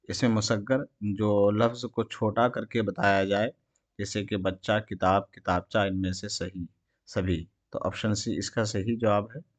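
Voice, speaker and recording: Low-voiced man teaching an exam quiz. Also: steady tone, no room sound. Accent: Indian Urdu. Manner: reads each question and its options, then explains the answer. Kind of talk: exam prep lesson, reading quiz answers.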